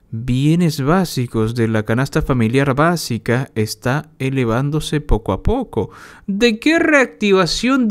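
A man from Bolivia ranting as a political commentator, sarcastic and insulting, scornful of what he just heard. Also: fairly high pitch. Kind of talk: angry political commentary rant.

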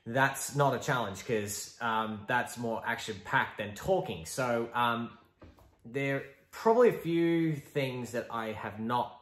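A middle-aged man talking casually to camera as a video host, in an emphatic, halting way. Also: mid-range voice. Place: small room at home, indoors. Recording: roomy echo.

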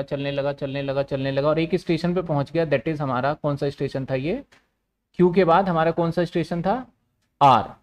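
A man giving a commerce lecture, asking questions and answering them himself, often repeating phrases. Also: sits high. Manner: repetitive, asks and answers his own questions. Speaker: commerce teacher. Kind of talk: online classroom lecture.

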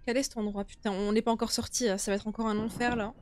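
Higher-voiced young woman streaming. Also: level tone, fast talker, a little mellow, a little hiss or hum. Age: young adult. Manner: informal, chatty, swearing. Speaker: game streamer. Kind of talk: casual live horror-game commentary. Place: small indoor streaming room. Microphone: close desktop streaming microphone.

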